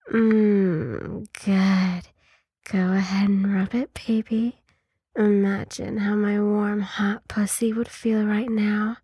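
A woman in an intimate adult ASMR role-play, speaking in a sultry, teasing, breathy way like a seductive narrator. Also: mid-range voice, a little mellow, dry recording, studio quality. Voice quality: husky, breathy.

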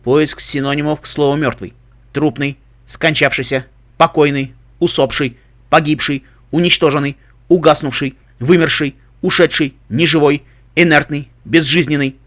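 A man voicing a metallic, emotionless helmet computer that gives clipped, flat system announcements and lists dictionary words in an audiobook reading. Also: a little high, normal speed, lightly acted. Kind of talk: audiobook reading of a fan story.

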